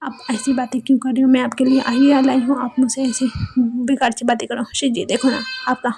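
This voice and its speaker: A woman's voice: high-pitched, a little fast, slight background noise. A woman doing a cheeky teenage girl. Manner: excited, pleading and cheeky. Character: mischievous teenage girl, cheeky little sister.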